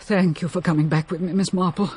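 A woman's voice: fairly low pitch, steady tone, brisk, a little mellow, slightly rough. A woman playing a blunt, brusque countrywoman in a radio drama, distraught after a shock.

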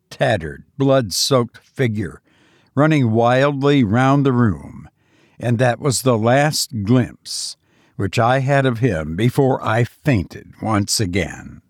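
A man reading a story aloud in a measured, deliberate narration. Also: mid-range voice, no echo, studio quality. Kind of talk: scripted audiobook narration.

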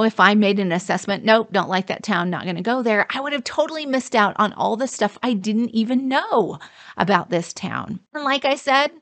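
A woman dating coach speaks in an earnest, advice-giving podcast monologue. Her pitch sits in an ordinary middle range for a woman, and she sounds settled and sure of her points. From United States.

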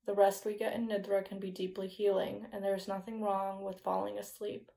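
Slow, hypnotic woman guiding meditation, mellow and creaky. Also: mid-range voice, level tone, low-quality recording. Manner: slow, soothing, hypnotic delivery with soft phrase endings. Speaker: yoga nidra meditation guide. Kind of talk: guided meditation, scripted relaxation narration.

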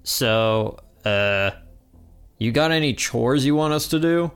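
A man voicing a dim-witted, crude teenage boy with a dopey, drawn-out delivery. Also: medium pitch, expressive, clear, resonant tone, faint music behind.

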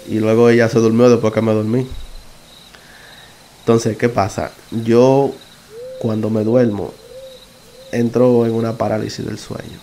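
A man telling his own experience in a casual, halting way, often stopping to correct himself. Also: medium pitch, mellow, slight background noise. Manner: halting, self-correcting, conversational. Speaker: podcast narrator. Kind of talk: casual first-person storytelling.

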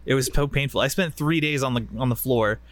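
A relaxed man co-hosting a podcast, trading jokes and laughing often. His voice sits in an ordinary middle pitch, recorded dry and close without any room echo. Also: brisk. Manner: laid-back, joking, laughs often. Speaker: podcast co-host. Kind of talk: casual chat.

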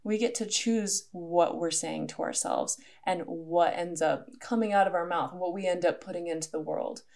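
A woman's voice: on the low side, moderate pace, vocal fry, darkish tone. Earnest young woman hosting a podcast. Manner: casual and earnest, many "like" fillers. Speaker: podcast host. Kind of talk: solo podcast monologue.

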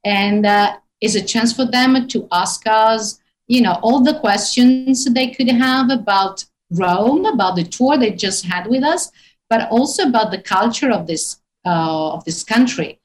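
Italian woman guest, halting with fillers. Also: a little high, rough recording. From northern Italy. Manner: hesitant, many fillers. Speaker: tour guide guest. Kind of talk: interview on a call.

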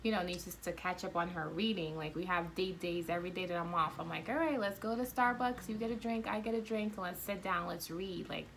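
A woman's voice: fairly low pitch, a little fast, few pauses, a bit bright, slight background noise. A woman from Guyana in her thirties, talking candidly and rambling with lots of fillers in a casual podcast chat.

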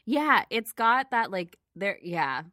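Bright woman, giggly, dry close sound, playful co-host chat. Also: mid-range voice, big pitch swings, slow, no room sound. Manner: giggly, playful, reads packaging aloud. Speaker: co-host of a snack taste-test show. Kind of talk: casual chat.

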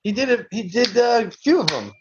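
A man's voice: high-pitched, very animated, a little fast, slight background noise. A man as a podcast guest, chatting casually in a hesitant, unsure manner, recorded with dull lo-fi sound. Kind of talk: casual chat.

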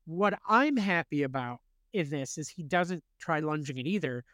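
A young male podcast host spins a casual story, animated and quick to swear, acting out what everyone said. His voice sits a little high for a man. The sound is dry and close, with no room around it. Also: no echo. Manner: animated, swears freely, acts out quotes.

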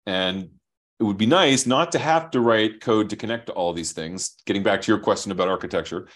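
A man, a software company founder, talking over a video call while he shares his screen and explains his product, brisk and thinking aloud with restarts. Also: on the low side. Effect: heard over a video call.

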